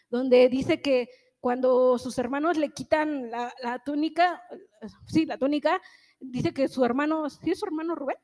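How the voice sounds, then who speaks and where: A woman gives a church sermon in a loose, chatty way. Her voice sits high, and she keeps checking in with her listeners through little tag questions while acting out the voices she quotes. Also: a little mellow. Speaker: preacher.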